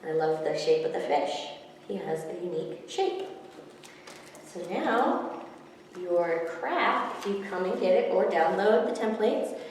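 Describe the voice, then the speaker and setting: With a lowish voice and an unhurried pace, a children's librarian in her thirties hosts story time, reading picture books expressively to young kids and adding casual remarks. She's in an indoor room before a forest backdrop. Sound is echoey and distant, with a faint hiss of noise.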